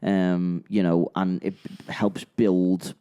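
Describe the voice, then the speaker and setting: Deep, mellow-voiced British man chatting. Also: flat delivery, slow pace, clear, resonant tone. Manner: rambling, repeats "yeah" and "you know". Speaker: podcast co-host, musician. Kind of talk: casual chat.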